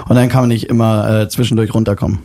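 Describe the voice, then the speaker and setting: A man. He is a DJ and producer, a guest in a radio interview, and he talks in a relaxed way with plenty of fillers. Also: fairly low pitch, very fast. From Hamburg, Germany. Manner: relaxed, talkative, many fillers.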